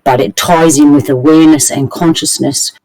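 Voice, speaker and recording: A man's voice: fairly high pitch, fairly even intonation, moderate pace, a little mellow, no echo, poor audio. A man leading a casual round-table discussion, thinking aloud and posing searching questions one after another.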